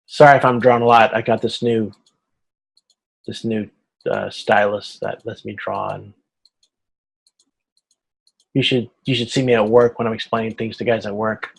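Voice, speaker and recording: Gravelly and breathy, this instructor's lowish voice stays steady at normal speed, broken by long pauses. He gives an informal video-conference lecture on slides, explaining step by step with hesitation and checking that listeners understand.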